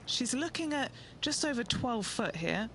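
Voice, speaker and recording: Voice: mid-range voice, very animated, a little slow, background noise. An actor voicing a concise on-course golf reporter in video game commentary. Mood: focused.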